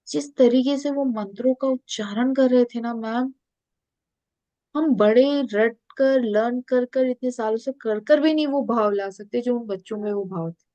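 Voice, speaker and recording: A woman's voice: on the high side, darkish tone, dry recording. A woman spiritual coach telling stories in a podcast interview, earnest, mixing English phrases into her talk.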